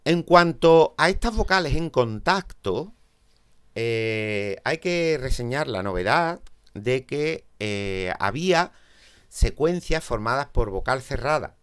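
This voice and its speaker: A man with a Peninsular Spanish accent teaches a grammar lesson, explaining each rule patiently, one step at a time. His delivery is slow, with a lot of movement in the pitch. He pauses now and then to ask whether everyone is following. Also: lively intonation, a bit bright, clear, resonant tone. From Spain. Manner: explains step by step, checks in with "¿vale?".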